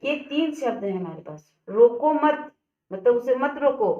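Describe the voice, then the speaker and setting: A woman teaching a class, talking slowly and deliberately and asking the students questions. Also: a little high, animated, mellow. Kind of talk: classroom lesson. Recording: echoey, dull lo-fi room.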